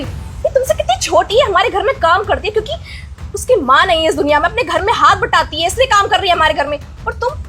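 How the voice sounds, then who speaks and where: An actress playing a wealthy wife and employer who scolds and commands indignantly, in a melodrama. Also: female voice, extremely high pitch, sharp tone, a little hiss or hum, full character voice. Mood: accusing. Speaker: lady of the house. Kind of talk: social-media melodrama acting.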